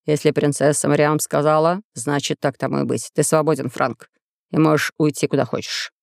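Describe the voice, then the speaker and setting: A storyteller voicing a stern, commanding middle-aged sultan who speaks low, slow and severe, recorded dry and close. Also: male voice, level tone, gravelly, no echo.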